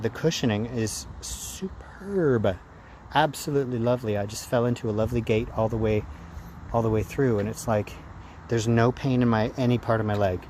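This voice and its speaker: A man talking casually and reflectively to a handheld phone in a rambling vlog, in halting phrases. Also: lowish voice. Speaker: running vlogger. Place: outdoors after a run. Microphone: handheld phone camera at arm's length. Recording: outdoor noise, traffic ambience.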